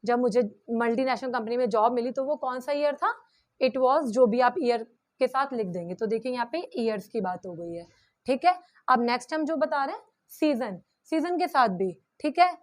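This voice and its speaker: A young Indian woman with a high voice and an Indian accent teaches English grammar. She explains patiently, reads each example sentence slowly and deliberately, and keeps checking in with her students. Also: expressive. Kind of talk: spoken grammar lesson.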